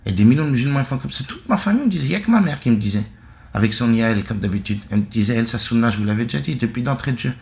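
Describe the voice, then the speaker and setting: A man's voice: mid-range voice, animated, very fast, vocal fry, darkish tone. A middle-aged man from France giving a blunt, rambling monologue with many asides. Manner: blunt, conversational, full of asides and restarts. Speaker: online religious commentator. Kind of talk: casual monologue.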